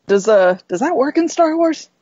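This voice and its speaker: A woman's voice: high-pitched, animated, moderate pace, dark tone, breathy edge, no echo, dull audio. A woman playing a tipsy, indignant, stammering hotshot in an improvised comic role-play, making excuses. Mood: sheepish, evasive. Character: boozy, defensive, evasive male hotshot pilot and his exasperated princess.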